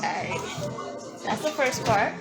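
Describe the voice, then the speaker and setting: Playful woman with a New Jersey accent, slangy home-cook vlogger, slightly high voice, loud music behind. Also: lively intonation, unhurried. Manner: playful, giggly, chatty slang. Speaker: cooking vlogger. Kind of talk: casual cooking demonstration. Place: home kitchen. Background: hip hop and EDM music.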